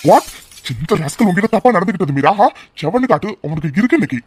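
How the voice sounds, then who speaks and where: Voice actor as a protective big brother, firm, concerned, quick, mid pitch. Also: animated, a little hiss or hum, lightly acted. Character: protective older brother, stern young man.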